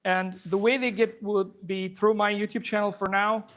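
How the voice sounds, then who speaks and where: With a high voice and little pitch movement, this Afghan man, a software engineer, talks fast through a casual live tech demo for a room audience. He restarts often and uses a handheld or clip microphone.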